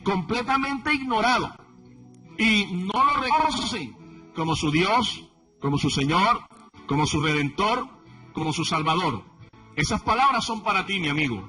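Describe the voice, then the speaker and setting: A man's voice: on the high side, sharp tone. A man preaching a sermon, pleading earnestly and repeating phrases for emphasis.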